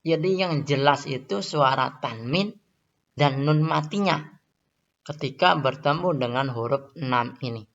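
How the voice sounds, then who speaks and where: A man teaching Quran recitation rules, explaining calmly and then chanting Arabic examples slowly, louder and higher. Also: muffled recording. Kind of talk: tajwid lesson with recited examples.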